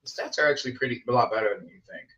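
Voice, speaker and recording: A man's voice: medium pitch, lively intonation, very fast, a bit bright, recorded from a distance, muffled recording. A man co-hosting a sports show, talking things through in casual chat. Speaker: show host.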